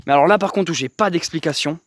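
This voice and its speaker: A young man with a fairly high voice rambles to his viewers while filming outdoors on a handheld camera. He keeps restarting sentences and fills the gaps with "euh" as he explains himself. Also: fast talker, a little hiss or hum. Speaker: survivalist vlogger. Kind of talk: casual vlog to camera. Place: outdoors by his bunker and orchard.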